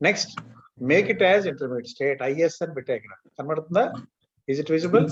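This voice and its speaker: A husky, slightly high voice rushes along animatedly as a Telugu-accented Indian man runs an online class. He breaks the lesson into steps, code-switches between Telugu and English, checks often that students are following, and the recording is dull and lo-fi.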